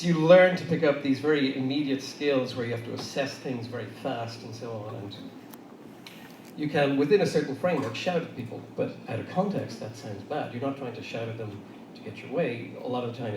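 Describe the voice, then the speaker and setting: Speaking at a moderate pace in a mid-range voice, this middle-aged man from Ireland addresses an audience as a panel speaker. He tells loose anecdotes with plenty of fillers, picked up distantly in a noisy, roomy hall.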